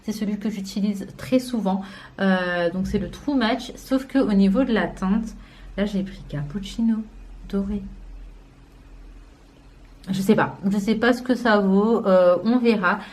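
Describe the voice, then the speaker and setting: A woman in her twenties from France, chatting casually at home about a beauty haul, relaxed and full of hesitations and slang. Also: mid-range voice, a little slow. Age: 20s. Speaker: family vlogger. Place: home, indoors.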